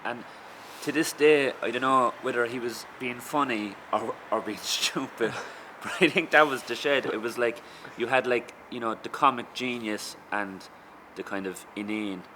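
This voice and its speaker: A supporter telling a rambling, amused story about fellow fans. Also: male voice, medium pitch, moderate pace, hardly any pauses, pushed and bright, a little hiss or hum, low-quality recording.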